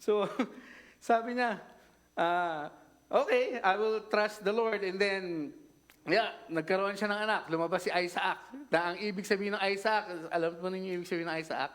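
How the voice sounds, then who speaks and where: A man gives a sermon in a loose, chatty way, keeping his listeners involved with frequent questions. His voice sits a little high for a man. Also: normal speed, fairly bright tone. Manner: casual, conversational, mixing Tagalog and English, frequent tag questions. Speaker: preacher.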